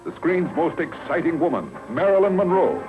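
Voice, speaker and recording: A man's voice: fairly high pitch, big pitch swings, moderate pace, narrow, tinny audio, loud music behind the voice. A man announcing an old movie trailer in an emphatic, salesy way, heard from a worn tape copy. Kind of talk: vintage movie trailer voice-over.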